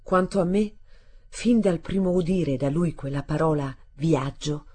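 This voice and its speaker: A woman reading a literary novel aloud in a measured, expressive way. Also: low-pitched, slightly rough. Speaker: audiobook reader. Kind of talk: literary audiobook narration.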